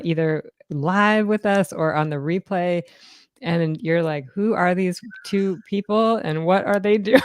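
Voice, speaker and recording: A woman co-hosting a casual talk show, calm and thoughtful, with easy laughs. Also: lowish voice, no echo, studio quality. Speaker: podcast co-host. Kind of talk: casual conversation.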